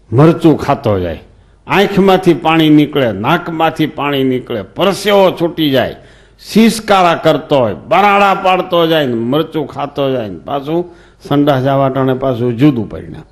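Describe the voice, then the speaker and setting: A man giving a sermon as a swami, telling folksy stories and asking the listeners questions. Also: fairly high pitch. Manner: folksy storytelling, asks the hall questions. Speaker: swami giving a scripture discourse.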